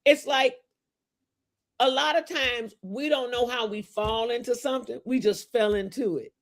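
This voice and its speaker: A woman's voice: on the high side, a little slow. Chatty woman host on a video call, folksy sayings, laughs often. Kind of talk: casual interview chat.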